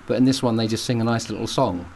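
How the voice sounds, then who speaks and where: Middle aged guy, talks fast, casual radio guest chat, slight background noise. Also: medium pitch, a little mellow. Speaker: guest comedy writer.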